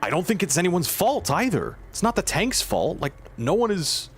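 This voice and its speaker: A gamer streaming as a healer gives live gameplay commentary, venting in an exasperated, profane way and repeating himself for emphasis. His voice is high, husky and sing-song, at a normal speed.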